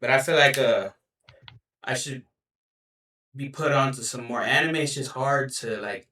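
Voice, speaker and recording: A young man talks loosely and casually on a homemade podcast, rambling with filler words. His voice is bright and sits a little away from the mic. The room rings with noticeable echo. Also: medium pitch, a little slow, distant mic. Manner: laid-back, rambling, lots of "you know". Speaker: podcast co-host. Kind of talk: casual chat. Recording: roomy, a bit off-mic.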